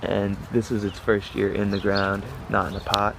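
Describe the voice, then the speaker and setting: A gardener vlogger with a lowish, gravelly voice talks at a normal speed with little pitch movement. His walk-and-talk garden vlog is casual and laid-back, with some mild swearing. It was recorded outdoors, so the audio is noisy with ambient sounds in the background.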